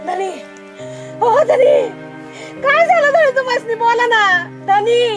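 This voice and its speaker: A woman's voice: very high voice, unhurried. A woman playing a devoted farmer's wife, pleading with and soothing her husband again and again. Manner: pleading, soothing, repeats "dhani". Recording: music playing behind. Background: music.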